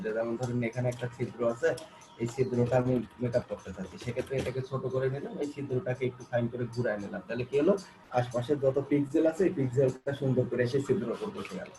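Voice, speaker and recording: A man gives a screen-recorded software tutorial at a quick clip, repeating and restarting as he points things out. His voice sits at a middling pitch. A clear hiss of noise runs under the recording from a desk mic. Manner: repetitive, coaxing, many fillers and restarts. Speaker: graphic design instructor.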